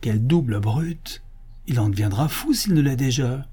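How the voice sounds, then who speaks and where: Brief: lecturing cleric, sardonic and stern, read by a man, dark mellow tone. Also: mid-range voice, expressive, moderate pace, husky. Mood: scheming. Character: stern, scheming male abbé, older cleric. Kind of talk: audiobook reading of a classic novel.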